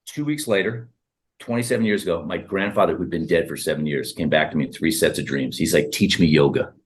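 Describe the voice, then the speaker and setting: Talking fast in a voice that sits low, a man in his 30s, a therapist and author, animatedly recounts client sessions in an interview conversation, playing out the dialogue himself.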